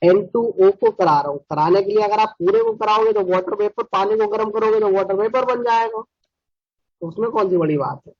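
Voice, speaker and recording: Guy teaching chemistry online, high voice, pushy and scolding, dull dry lo-fi sound. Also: no echo. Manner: brisk, scolding, mimics students.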